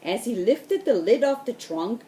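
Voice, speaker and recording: A woman reading a children's storybook aloud in a slow, expressive way. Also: on the high side, reverberant, slight background noise. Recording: voice distant from the mic.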